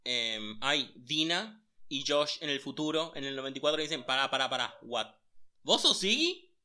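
Sassy bright-voiced man. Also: medium pitch. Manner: sassy, animated, quick retellings with exaggerated put-on quotes. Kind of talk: casual chat recapping a series.

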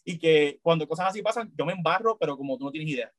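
A man telling a story in casual chat, hesitant, with many restarts, growing animated as he goes. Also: a little high, quick pace, no room sound. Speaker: storyteller in a conversation.

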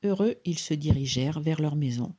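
Husky storybook narrator. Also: medium pitch, animated, moderate pace, warm tone. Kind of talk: storybook reading aloud.

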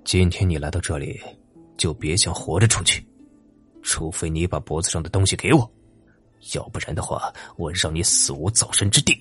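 A man's voice: brisk, breathy edge, soft background music. A man doing a cold, sneering army officer. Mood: menacing. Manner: low, quiet, sneering threats. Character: cruel, greedy male army officer, cold and menacing.

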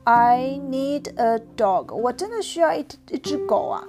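Brief: woman playing a begging storybook kid, lifted high and lively. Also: measured pace, music in the background. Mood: pleading. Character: eager pleading little child who wants a dog.

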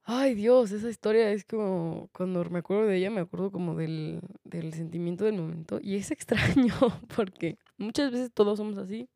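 A woman's voice: medium pitch, fairly quick, gravelly, hardly any pauses, no echo, clean studio sound. Chatty young Mexican woman telling a story. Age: young adult. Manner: chatty, laughs often, many fillers, animated quoted voices. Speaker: student telling a personal story. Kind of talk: casual storytelling monologue.

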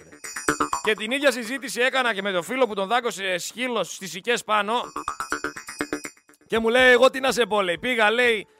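High-pitched ranting male radio host. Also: dry recording. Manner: ranting, scolding, shouting at politicians; reads listener messages aloud. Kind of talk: angry political radio monologue.

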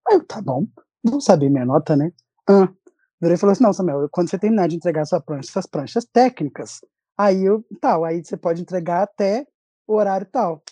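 Speaking fairly quickly, this young Brazilian-accented man has a high-pitched, animated voice with a warm, husky tone and no room sound. As a recent graduate guest, he calls in by video from his desk at home and tells a lively story in casual talk, frequently restarting.

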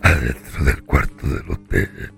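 A heartbroken Batman, played by a man, wails and whimpers in a Mexican accent full of slang. His voice swings wildly from shrill highs to gravelly lows. Music plays behind him. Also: huge pitch swings, moderate pace, a bit bright, heavily acted. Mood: upset.

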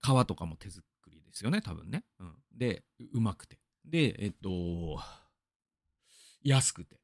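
A man's voice: deep voice, very animated, unhurried, creaky, darkish tone, no echo, clean studio sound. A man from Aichi in Japan hosting a radio show, rambling through a casual monologue full of fillers and asides.

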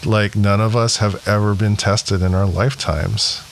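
A man with a lowish voice hosts a casual podcast. He talks earnestly and reflectively, now and then slipping into jokes. There is a faint room ambience behind him. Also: fairly even intonation, normal speed, gravelly, slight background noise. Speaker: podcast host.

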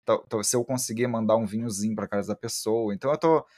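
A man's voice: fairly low pitch, fast talker, a little mellow, no echo. Male interview guest, self-described shy, hesitant delivery with frequent restarts, plain mid-range voice on a dry close mic. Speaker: interview guest, book content creator. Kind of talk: casual interview chat.

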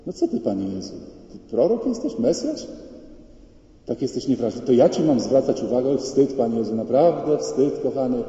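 A man's voice: mid-range voice, a little fast, few pauses, warm tone, natural voice. A man voicing an exasperated biblical woman who scolds with sarcastic, mock-sulky reproach, heard in a dull, echoey church hall from far off. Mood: reproachful.

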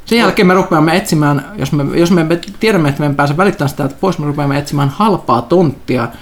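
Gravelly man chatting at a game table. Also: a little high, a little hiss or hum. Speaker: player. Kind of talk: casual banter at the game table.

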